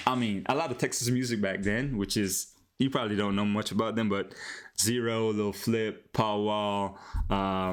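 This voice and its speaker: A young Colombian man with a medium-pitched voice chats with viewers during a live coding stream, speaking into a headset. Laid-back and slangy, he often restarts words and sometimes drops into Spanish while developing an app.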